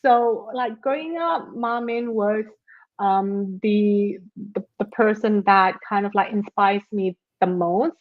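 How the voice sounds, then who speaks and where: A woman's voice: medium pitch, slow, narrow, tinny audio. A woman from Malaysia, a guest author telling a personal story in a conversational interview, with many fillers.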